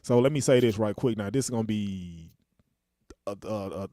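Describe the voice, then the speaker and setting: A man's voice: lowish voice, moderate pace, mellow. A man hosting a livestream call-in panel, bantering casually with slang and chuckles. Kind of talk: casual chat.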